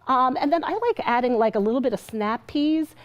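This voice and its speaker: A woman's voice: sits high, expressive, moderate pace. A woman guest cook in a TV studio kitchen, chatty and bubbly, laughing often as she walks through recipes. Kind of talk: TV cooking segment.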